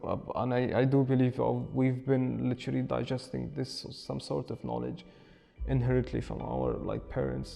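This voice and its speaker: A man's voice: medium pitch, gravelly, mellow. A man in his early twenties, raised in Syria, speaking thoughtfully in an interview and searching for his words. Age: early 20s. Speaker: student interviewee. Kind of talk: reflective documentary interview. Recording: reverberant space with faint music.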